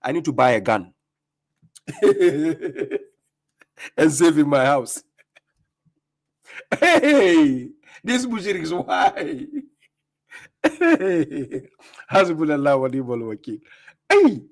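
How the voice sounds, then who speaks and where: A man's voice: on the high side, huge pitch swings, drawn-out words, gravelly, pauses often. A Ghanaian man hosting a live stream, reacting to clips with mocking commentary, laughing often and repeating himself.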